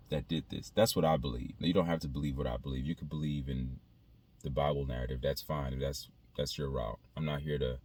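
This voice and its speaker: A man speaking in a casual, reflective monologue to his viewers, haltingly, repeating phrases as he thinks aloud. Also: a bass voice, darkish tone, slightly rough. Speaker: video creator.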